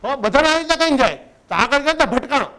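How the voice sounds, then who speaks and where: Guy coaching photographers, really high voice, keeps going "right?". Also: expressive, fast, sharp tone, poor audio. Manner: conversational, keeps asking "right?" to check in. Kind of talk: motivational business lecture.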